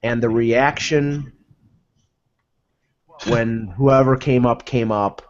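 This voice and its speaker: A man co-hosting a casual sports talk show, telling anecdotes in a halting way and repeating words as he goes. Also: mid-range voice, fairly even intonation. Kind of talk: casual chat, anecdotal storytelling. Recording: dull lo-fi audio.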